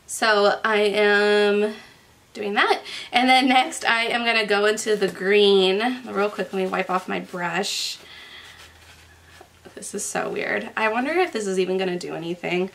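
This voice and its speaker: A woman's voice: mid-range voice, unhurried, vocal fry, a bit bright. Chatty young woman, nasal from a cold. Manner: chatty, giggly. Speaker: beauty vlogger. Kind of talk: casual makeup unboxing vlog.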